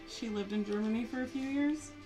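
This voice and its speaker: A woman's voice: a little high, normal speed, mellow, low-quality recording. A woman chatting casually off camera on a live stream, giggly and chatty. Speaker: co-host off camera. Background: music.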